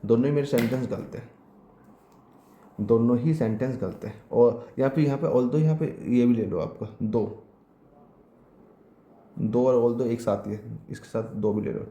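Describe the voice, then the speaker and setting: A man teaching an English grammar lesson for exam preparation, dictating example sentences slowly and repeating them word by word. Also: mid-range voice, warm tone, roomy sound, lo-fi sound.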